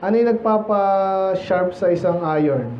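A Filipino pastor with a high male voice delivers a sermon at a moderate pace in a church sanctuary. His tone is conversational and teasing, full of rhetorical questions aimed at the congregation. The recording is echoey and muffled, with a slight hiss or hum.

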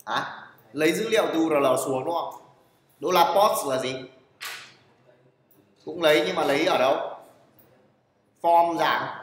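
A man's voice: a little high, unhurried, pauses often, a little hiss or hum. Blunt, teasing man teaching in an echoey classroom. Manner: blunt, teasing, constantly checks with "right?". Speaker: programming teacher. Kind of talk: classroom lecture. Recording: echoey room with long reverb.

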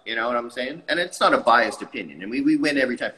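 Man in his 30s, tile business owner, eager and animated, bright forceful tone, reverberant webcam sound. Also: medium pitch, quick pace. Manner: enthusiastic, animated hand gestures. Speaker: tile company owner, guest. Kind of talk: casual interview talk. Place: tile showroom, indoors. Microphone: video call webcam.

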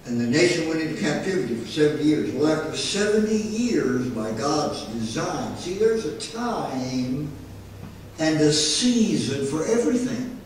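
A man preaching a folksy, emphatic sermon from the pulpit, his voice sitting on the high side. The sound comes from a distant mic in a strongly echoing sanctuary, with a faint hiss underneath. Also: sing-song, measured pace, darkish tone. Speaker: pastor. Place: church sanctuary. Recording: echoey sanctuary, mic far off.

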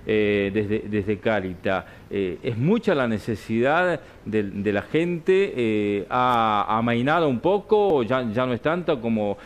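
A man's voice: mid-range voice, animated, slow pace, few pauses. A man with an Argentine accent anchoring a studio news interview, phrasing his questions hesitantly with many fillers. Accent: Argentine, San Juan.

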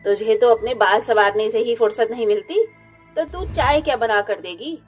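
A woman voicing a cruel middle-aged mother-in-law in an animated story, shrieking and taunting. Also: fairly high pitch, normal speed, faint music behind, close to an everyday voice. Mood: shrill scolding.

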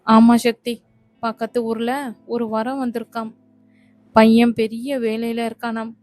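A woman voicing a playful young woman who teases and reassures her lover, in a flat reading. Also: on the high side, unhurried, faint music behind, close to an everyday voice. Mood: teasing. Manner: teasing, reassuring. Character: young sweetheart Nila, mischievous and loving.

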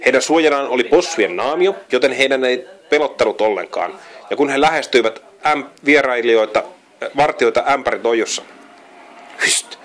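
A man's voice: medium pitch, lively intonation. A man reading a children's storybook aloud, often stumbling and correcting himself. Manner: frequent slips and self-corrections while reading. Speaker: reader.

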